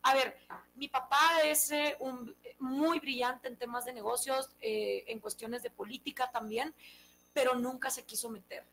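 A woman in her thirties from Guatemala with a Guatemalan Spanish accent, a guest in an interview, telling her family story in a lively way and acting out the dialogue. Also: high voice, unhurried, slight background noise, poor audio. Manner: animated storyteller, acts out quoted dialogue. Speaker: guest, political scientist. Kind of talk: conversational interview.

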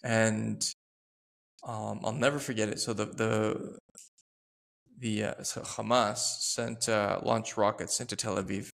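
A man's voice: fairly low pitch, fairly even intonation, measured pace, gravelly, fairly bright tone. A man in his thirties, a podcast host telling a personal story in an earnest, reflective way, often searching for words. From United States.

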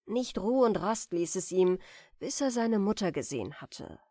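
A woman reading a fairy tale aloud as a bedtime story, in a soft, calm manner. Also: mid-range voice, no room sound, clean studio sound.

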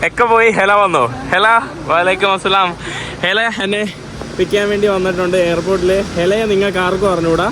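A high-pitched man with a Kerala accent gives casual travel vlog commentary. He slips English words into Malayalam as he talks to viewers. Clear street and transit noise runs behind him. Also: steady tone, fairly quick. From Kerala, India. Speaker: travel vlogger. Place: on the move outdoors and in metro stations. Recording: noisy outdoor street and transit ambience.

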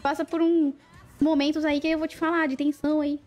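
A woman's voice: high voice, level tone, brisk, a little mellow, soft background music. A young woman chatting casually on a livestream, playful and talkative, greeting viewers one by one. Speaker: live streamer.

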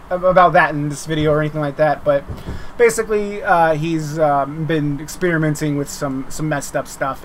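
A man with a slightly higher-pitched voice talks through updates in a loose, informal ramble. He often circles back on his words, like a developer chatting on stream. Faint noise sits behind his voice. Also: a bit bright. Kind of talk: casual unscripted update commentary.

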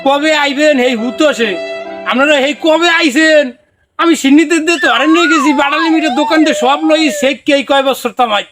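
Male actor, high voice, naive village son, Barisal Bengali accent, comedy drama, faint music. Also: moderate pace, pauses often. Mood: excited, reverent. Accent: Barisal Bangladeshi Bengali. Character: gullible, eager village son obsessed with buried treasure.

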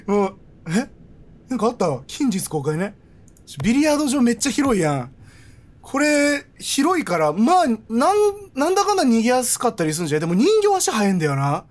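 High, panicky man shouting through a horror game. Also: sing-song, fairly quick. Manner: panicky, shouting and rough-spoken. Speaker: game streamer. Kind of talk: horror game let's play commentary.

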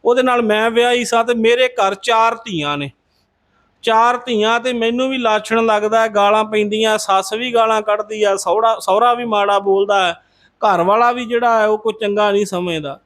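Male devotional storyteller, very high pitch for a man, conversational retelling, addresses listeners respectfully. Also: steady tone, a little fast, a bit bright. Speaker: Sikh religious storyteller.

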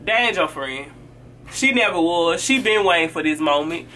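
A woman's voice: lowish voice, lively intonation, normal speed, sharp tone, a little hiss or hum. A woman vlogger giving blunt, sassy advice about fake friends in casual talk to camera, acting out what friends say. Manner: blunt, sassy, acts out friends' lines in quoted voices.

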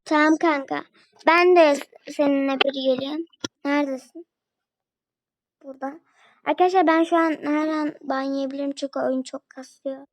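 A woman's voice: high voice, steady tone, moderate pace, pauses often, no echo, rough recording. A young woman giving casual commentary on a phone game, chatting to her viewers and a friend as she plays. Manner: chatty, talks to viewers and a friend while playing. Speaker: gaming video creator.

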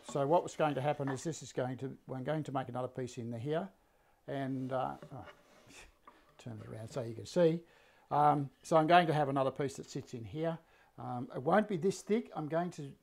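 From his workshop, a man in his sixties with a slightly croaky, medium-pitched voice walks a live audience through a woodworking build. The teacher and live-stream host is relaxed and rambling, full of fillers and restarts, filmed by a fixed camera at mid-distance.

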